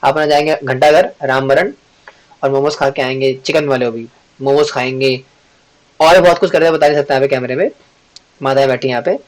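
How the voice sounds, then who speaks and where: A man teaching a devotional scripture class in a chatty, joking way. He asks the class questions, answers them himself and clears his throat often. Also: mid-range voice, steady tone, brisk, rough recording. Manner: joking, chatty, teasing the audience. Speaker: Bhagavad Gita class teacher.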